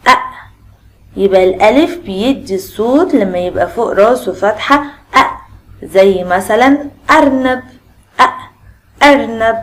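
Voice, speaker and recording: A woman's voice: fairly high pitch, darkish tone. A woman with an Egyptian accent, a primary school teacher giving a children's reading lesson, asking the class questions and repeating sounds. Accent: Egyptian Arabic.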